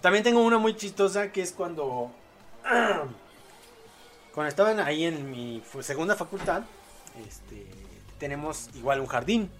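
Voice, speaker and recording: A man's voice: a little high, lively intonation, unhurried, a bit bright. A young man with a Mexican accent hosting a late-night podcast, rambling with fillers and crude jokes. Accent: Mexican Spanish. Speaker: podcast host. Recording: faint music behind.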